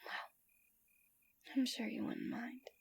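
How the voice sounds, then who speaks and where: A woman voicing a doting, possessive fox-spirit wife in a soft, breathy whispered role-play, speaking gently, intimately and soothingly. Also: extremely slow. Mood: soothing, affectionate.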